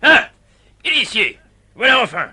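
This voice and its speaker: An actor playing a flustered general in a 1950s radio serial, stammering and confused. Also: male voice, extremely high pitch, very animated, measured pace, sharp tone, husky, exaggerated voice. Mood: indignant.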